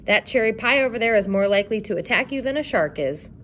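A woman voicing a boastful middle-aged man who runs a diner, telling a tale in a lively, dismissive way. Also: a little high, quick pace, a little hiss or hum.

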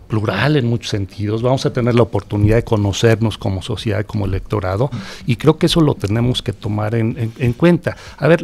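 A man's voice: mid-range voice, gravelly, a little mellow. A middle-aged man with a Mexican Spanish accent speaking as a guest on a radio panel, reflective and repeating his points. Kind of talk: casual panel discussion. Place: radio studio. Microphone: studio mic close up.

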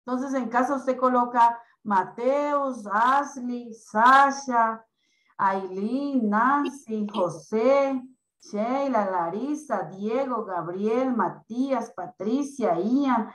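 A woman teaching young children in an online class, explaining slowly and patiently. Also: a little high, echoey room, low-quality recording. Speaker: primary school teacher.

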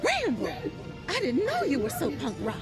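A woman's voice: high voice, huge pitch swings, normal speed. An actress voicing a flamboyant, theatrical showbiz woman in a video game, gushing and calling everyone darling. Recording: game audio under loud music.

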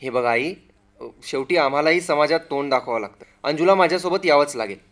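An actor plays a cold, demanding husband in an old-fashioned radio drama. He talks quickly in a raised pitch, hard and insistent. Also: fairly bright tone, natural voice. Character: menacing, demanding young husband, cold and self-righteous. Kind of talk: radio play acting, old radio show manner.

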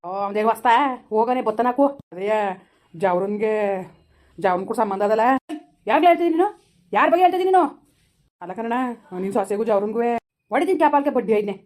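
A woman's voice: medium pitch, fast talker, a little mellow, lightly acted. A woman playing a blunt village woman who scolds in a rural Kannada dialect, in a comedy skit. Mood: scolding.

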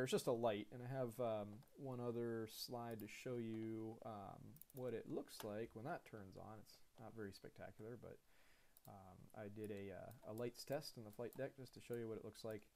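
Gravelly-voiced man explaining cockpit switches. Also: mid-range voice, slight background noise. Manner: relaxed, many fillers and restarts. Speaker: airline pilot explaining the cockpit. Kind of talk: casual screen-share lesson.

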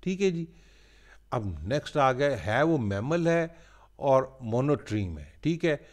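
A male teacher with a Pakistani accent walking students through a workbook, explaining in Hindi-Urdu and reading English lines slowly word by word. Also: medium pitch, very animated. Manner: repeats filler "theek hai ji" often. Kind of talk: workbook lesson walkthrough.

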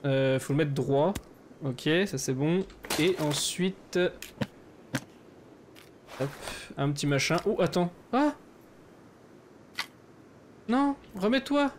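A man commentating his solo survival game, chatty and rambling with many fillers, often breaking into excited shouts. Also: fairly high pitch, takes it slowly, pauses often, noisy background. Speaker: gaming YouTuber.

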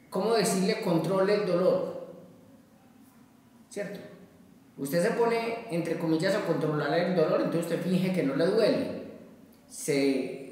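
Therapist, male, measured self-help talk, very reverberant room, set back from the mic. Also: sits high, a little mellow. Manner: measured, explaining with everyday examples and frequent "¿sí?". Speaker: therapist giving a daily exercise. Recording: very echoey, roomy, slightly distant from the mic.

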